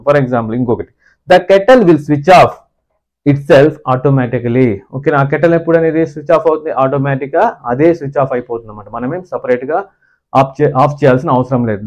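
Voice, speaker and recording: Male grammar teacher with a Telugu accent, medium pitch, slightly dull lo-fi sound, reads definitions slowly and explains fast. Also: darkish tone. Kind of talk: classroom-style grammar lesson.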